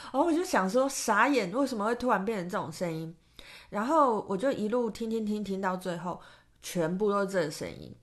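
A woman's voice: mid-range voice, fairly quick. A woman with a Taiwanese Mandarin accent hosting a solo podcast, chatting casually and rambling with many fillers and restarts. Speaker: podcast host and tarot reader.

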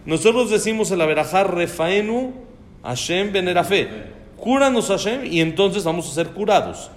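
A man's voice: high-pitched, normal speed. A man teaching a religious lesson on prayer, posing questions and answering them himself. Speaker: Torah teacher.

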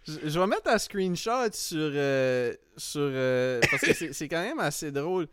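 A man's voice: fairly high pitch, very animated, measured pace, a bit bright, smooth. A man with a Quebec French accent chatting casually, rambling and repeating himself as he tells anecdotes, dropping in English slang. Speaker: podcast host. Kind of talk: casual chat, comic anecdote.

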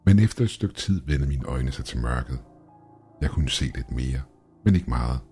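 A man reading a scripted horror story aloud, with tense, measured storytelling. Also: very deep voice, expressive, mellow, husky, faint music behind. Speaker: horror podcast narrator.

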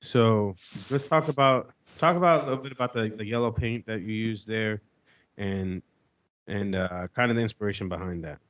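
A man's voice: on the low side, moderate pace, fairly bright tone, no room sound, muffled recording. A man hosting a casual podcast chat, laid-back and rambling as he steers the talk. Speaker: podcast host.

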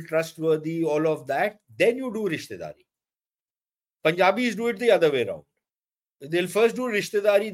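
A man from India with a North Indian accent giving opinionated analysis in an interview, speaking emphatically and slipping between languages mid-sentence. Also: high-pitched. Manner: emphatic, code-switches into Hindi and Punjabi mid-sentence. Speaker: foreign policy commentator.

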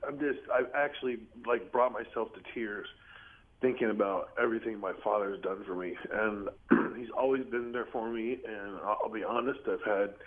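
A middle-aged man calling in to a radio show over the phone, talking in a halting way and clearing his throat often. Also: on the low side. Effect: phone call heard over radio. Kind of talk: casual call-in talk. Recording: tinny phone line.

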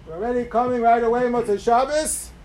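A high-voiced man delivers a rabbi's Torah lecture. His delivery is emphatic, rising on key phrases and dropping into softer asides. There is clear noise behind the recording. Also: fairly even intonation, fast. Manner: emphatic, swinging between raised stress and softer asides. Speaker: rabbi giving a religious talk. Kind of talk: sermon, Torah lecture with Hebrew quotations.

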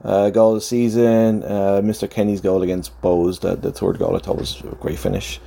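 A man with a deep, relaxed voice and a softened Dublin accent talks off the cuff. He rambles a little, feeling his way through his thoughts in everyday slang, like a fan leaving a friendly message. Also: normal speed, vocal fry, a little hiss or hum. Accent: Dublin Irish, slightly softened. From Dublin, Ireland. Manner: hesitant, rambling, colloquial. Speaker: overseas football supporter leaving a voice message. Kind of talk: casual, off-the-cuff chat.

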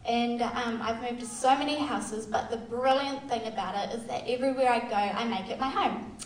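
An Australian youth worker shares a candid, self-deprecating church testimony packed with fillers. Her voice is a little high and moves at normal speed. She sounds far from the mic in an echoey hall.

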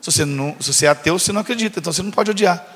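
A man's voice: sits high, very fast, fairly bright tone, breathy edge, long reverb tail. A man, a pastor giving a humorous storytelling sermon, acting out dialogue and teasing the congregation.

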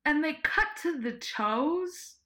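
A woman co-hosting a casual recap podcast, animated, laughing often and swearing freely. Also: sits high, slow. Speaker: podcast co-host.

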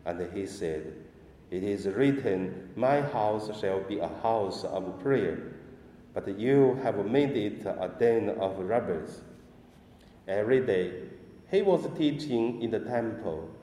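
Priest, male, slow and halting, mellow tone, big cathedral echo with long reverb. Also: lowish voice, expressive, a little hiss or hum. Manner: halting delivery with frequent pauses. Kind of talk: Mass gospel reading and homily. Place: large church. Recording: echoey church with long reverb.

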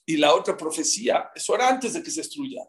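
Animated man telling Talmud stories. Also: on the high side, fast. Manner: animated, dramatic storytelling with rhetorical questions. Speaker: Torah class teacher. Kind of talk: live Talmud storytelling class.

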